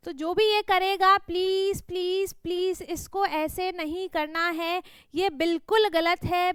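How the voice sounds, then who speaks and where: A woman's voice: very high-pitched, a bit bright, dry recording. A woman maths teacher, patiently explaining a worksheet to children and often asking whether they follow. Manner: patient, repeats "thik hai?" and "hai na?" to check understanding.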